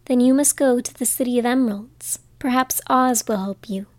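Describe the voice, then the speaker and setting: A woman voicing a kind-hearted little old witch woman who speaks gently and motherly in a storybook reading. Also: a little high, moderate pace, no room sound, natural voice. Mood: gentle.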